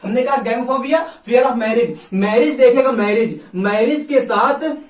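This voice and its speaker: A man's voice: extremely high pitch, a little slow, roomy sound, distant mic. A male teacher leading an exam-prep vocabulary lesson, drilling words by repeating them and checking whether the class has understood.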